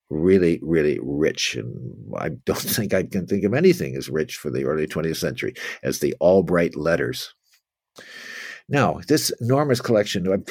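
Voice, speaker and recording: Male history lecturer, husky and low, dry close sound, rambling delivery. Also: darkish tone, no room sound. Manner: rambling, with many restarts and asides. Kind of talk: informal spoken lecture.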